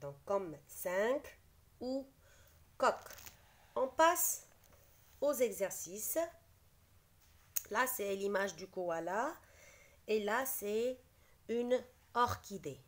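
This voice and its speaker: A woman's voice: mid-range voice, expressive, drawn-out words, pauses often. A woman teacher explaining a spelling lesson, patiently reading words aloud and repeating each one. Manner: explains patiently, repeats each word, switches briefly into Arabic.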